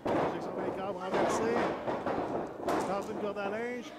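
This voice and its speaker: A man with a Québécois French accent calling live wrestling play-by-play as an excitable commentator. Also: sits high, unhurried. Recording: noisy live event, loud crowd. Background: loud cheering crowd.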